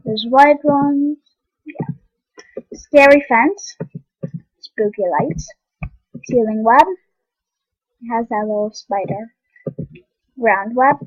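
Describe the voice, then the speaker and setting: A woman's voice: a little high, takes it slowly, long pauses, no room sound, muffled recording. A young woman giving rambling, casual commentary on an online game, full of ums and restarts. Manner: eating while talking. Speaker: game vlogger.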